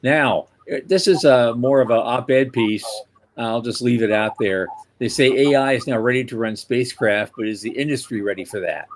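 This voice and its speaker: A man's voice: mid-range voice, normal speed, slight background noise. A man hosting a podcast, talking in a casual, chatty way with informal asides. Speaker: podcast host. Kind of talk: casual interview chat.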